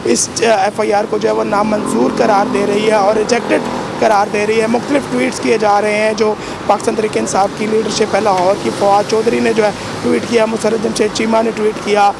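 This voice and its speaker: His high-pitched voice carries vocal fry, a level tone and a slightly fast pace. He's a field reporter from Pakistan with a sore throat, rambling through a live outdoor report by a street with lots of fillers, amid noisy traffic.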